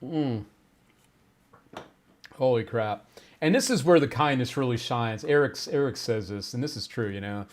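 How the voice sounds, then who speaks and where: A man's voice: mid-range voice, animated, unhurried, long pauses. A man hosting a live-streamed giveaway show, talking casually and full of stunned exclamations and laughter.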